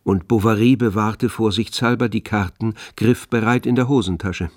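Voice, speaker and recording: A man narrates a nineteenth-century French novel as a literary radio play, speaking in a measured, lightly acted way. His voice is fairly low and darkish, with fairly even intonation at a normal speed. The studio-quality recording has no room sound, with music playing beneath him.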